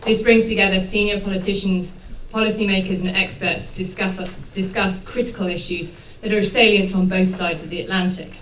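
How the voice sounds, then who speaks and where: A woman moderating a panel, giving a formal introduction in a measured way with frequent ums and uhs. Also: mid-range voice, steady tone, fairly bright tone, a little hiss or hum. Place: conference room. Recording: dull, echoey hall from far off.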